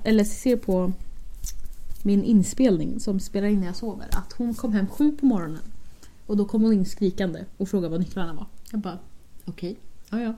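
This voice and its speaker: A young woman casually telling a story, acting out what she and her friends said. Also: mid-range voice. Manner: animated, quotes herself and friends with "jag bara".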